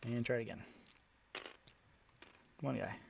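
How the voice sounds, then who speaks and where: A man hosting a tabletop wargame session, brisk and upbeat as he counts his saves out loud. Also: mid-range voice, steady tone, creaky, breathy edge. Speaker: tabletop wargame player and channel host. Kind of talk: casual game commentary.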